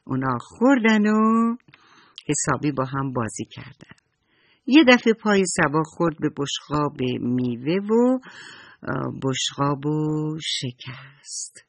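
A man's voice: a little high, sing-song, dry recording. A man telling a story to children, speaking to them directly and affectionately. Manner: warm, addresses children affectionately.

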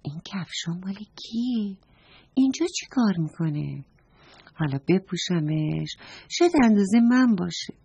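A woman's voice: mid-range voice, expressive, a little mellow, husky, no room sound. A woman voicing a polite, eager little boy in a children's story, speaking earnestly and respectfully and asking worried questions. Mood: puzzled. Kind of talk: storybook read-aloud.

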